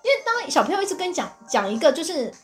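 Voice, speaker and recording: A woman, telling classroom stories in an animated, casual chat and acting out the kids' lines. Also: extremely high pitch, rapid-fire, faint music behind. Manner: animated storyteller, acts out the children's lines, laughs often.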